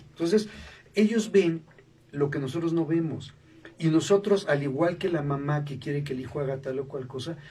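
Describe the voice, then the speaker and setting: In a storytelling interview, a radio show guest acts out the voices of the people he quotes, staying animated and adding "¿no?" to his remarks. His husky voice leans high, and the studio recording comes from a distant mic with faint background noise.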